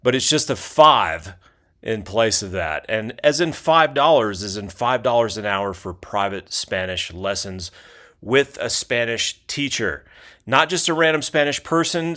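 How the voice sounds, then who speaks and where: A man's voice: medium pitch, sharp tone. A man hosting a casual language lesson video, talking loosely with lots of fillers, restarts and joking asides.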